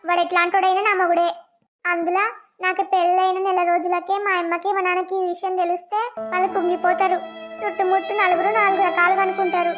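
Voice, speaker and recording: Bride: young village wife voiced by a woman, very high thin voice, faint music under. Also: little pitch movement, fast, highs cut off. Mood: pleading.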